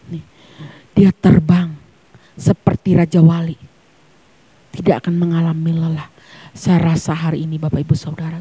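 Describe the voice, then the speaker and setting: A woman pastor preaching a sermon at a church service. She is emphatic, swinging between hushed near-whispers and loud, fervent peaks. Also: fairly low pitch.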